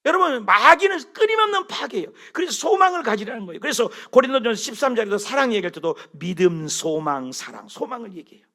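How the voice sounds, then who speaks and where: A man's voice: high voice, sing-song, quick pace, hardly any pauses, fairly bright tone. A middle-aged man preaching a sermon as pastor, telling stories with animation and throwing questions at the congregation.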